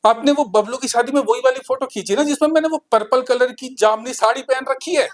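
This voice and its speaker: A man's voice: extremely high pitch, a little fast, voice pushed up. A man putting on a chatty shopkeeper's wife. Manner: gossipy, chattering. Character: fussy middle-aged shopkeeper's wife, chatty and vain.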